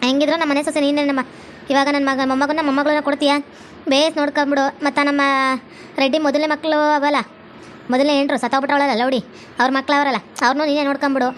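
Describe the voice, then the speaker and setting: A woman's voice: sits high, level tone, racing, slight background noise, close to an everyday voice. A woman voicing a commanding, scolding middle-aged mother-in-law. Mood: bossy.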